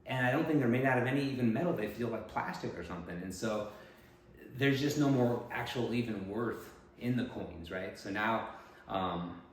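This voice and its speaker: A man's voice: medium pitch, moderate pace, slight background noise. A man, a political candidate, musing in a rambling, digressive monologue with frequent "right?" checks. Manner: digressive, musing, tag questions. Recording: echoey room.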